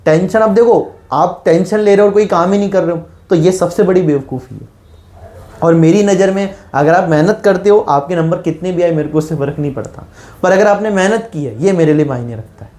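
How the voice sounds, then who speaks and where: A man teaching a chemistry lesson in a colloquial, encouraging way, repeating key terms and asking his students quick rhetorical questions. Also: sits high, mellow. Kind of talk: classroom-style lecture.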